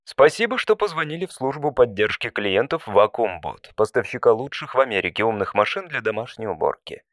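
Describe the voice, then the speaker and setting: For a comic audio story, a man acts as an automated support-line menu, giving measured, scripted prompts at a middling male pitch. He sounds polite and deadpan with a hint of exasperation, and the recording is dry with no room sound.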